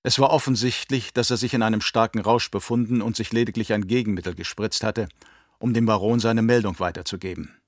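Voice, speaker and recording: A man narrating an audiobook in a steady, measured storytelling voice. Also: on the low side, dry recording, clean studio sound. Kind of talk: scripted narration.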